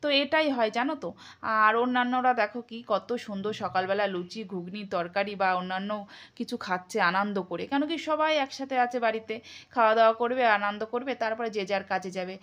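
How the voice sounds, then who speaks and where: Bengali accent woman vlogging in her kitchen, talks fast and chatty to viewers, mid pitched voice. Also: dull audio. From India. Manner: sometimes speaks softly so a sleeper is not woken. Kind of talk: casual home vlog narration. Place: home kitchen.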